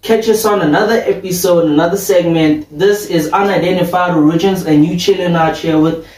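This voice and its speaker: A man's voice: sits high, fairly even intonation, a little fast, a little mellow. A man, hosting a casual interview and murmuring agreement while his guest talks. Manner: laid-back, lots of murmured agreement. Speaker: podcast host. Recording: roomy echo, mic at a distance.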